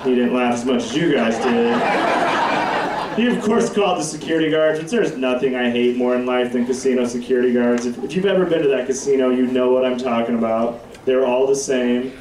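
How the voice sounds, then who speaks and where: Brash stand-up comic in an echoey club. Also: male voice, medium pitch, brisk, background noise. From Wyoming. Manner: brash, storytelling, profane. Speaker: stand-up comedian. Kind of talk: stand-up comedy set. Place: comedy club stage. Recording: echoey live club recording from far off.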